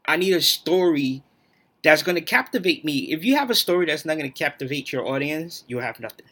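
Blunt, bright-voiced man ranting on a podcast. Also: fairly high pitch, expressive, a little fast. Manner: blunt, profane and opinionated. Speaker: podcast host. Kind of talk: solo opinion podcast rant.

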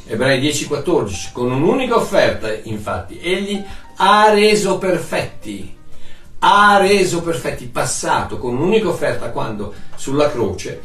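Lively, emphatic preacher man, echoey room. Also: a little high, normal speed. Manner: emphatic, lively preaching with long lists and sudden drops to soft tones. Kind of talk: sermon answering listener questions. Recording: echoey, a little distant, soft music underneath.

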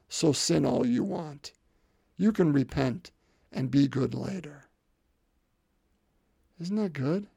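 In a conversational sermon, a pastor in his fifties keeps asking his congregation rhetorical questions and frequently repeats words. His fairly high voice carries heavy gravel and a slightly mellow quality, recorded close and dry.

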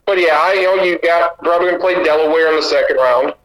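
A man's voice: fairly high pitch, quick pace, fairly bright tone, rough recording. A man co-hosting a sports podcast, giving opinionated takes in long runs of casual chat. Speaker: podcast co-host.

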